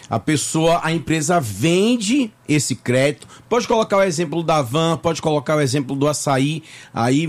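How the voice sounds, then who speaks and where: A man from Bahia, Brazil, talking as a tax lawyer guest on a radio morning show, chatty and full of fillers and repeats. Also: fairly high pitch. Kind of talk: casual radio interview. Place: radio studio.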